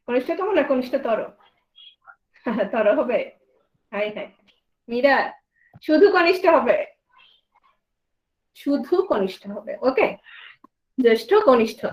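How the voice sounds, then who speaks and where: A woman with a high voice and a Bangladeshi Bengali accent teaches a grammar class. She keeps asking her students questions and then answers them herself. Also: rough recording. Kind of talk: grammar lesson.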